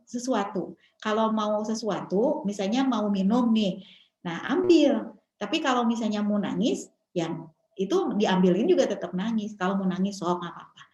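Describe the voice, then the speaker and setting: Lively Sundanese-accented woman in echoey room. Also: medium pitch, normal speed, lo-fi sound. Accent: Sundanese-tinged Indonesian. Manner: animated storytelling, acting out parents' and children's lines. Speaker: parenting seminar speaker. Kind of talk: seminar talk.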